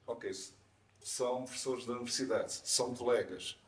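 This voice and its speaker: At a community conference, a man with a European Portuguese accent gives an informal, didactic talk in a medium-pitched, fairly even voice at normal speed, often checking in with his audience. The live recording from an indoor event room is echoey, with a distant mic and faint background noise.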